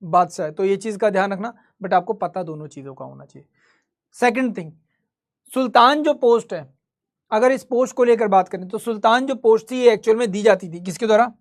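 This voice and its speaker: A man's voice: high voice, fairly quick. A man teaching history in a live online class. He talks conversationally, quizzes his students and answers his own questions.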